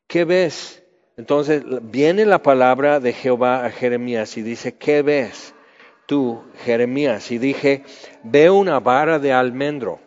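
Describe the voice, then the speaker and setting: A man's voice: mid-range voice, takes it slowly, darkish tone. A man preaching a Bible teaching, conversational, asking his listeners questions. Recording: muffled sound with long hall reverb.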